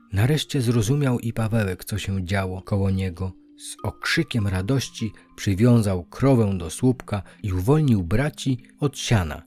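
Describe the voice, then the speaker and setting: Low-voiced guy reading a kids fairy tale, calm and even, soft music behind. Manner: calm, measured storytelling. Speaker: narrator. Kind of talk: scripted fairy-tale narration.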